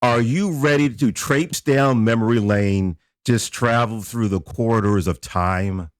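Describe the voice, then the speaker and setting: A man's voice: lowish voice, measured pace, no room sound, studio quality. A man hosting a podcast interview, playful and teasing with his guest. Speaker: podcast host. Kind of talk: casual interview talk.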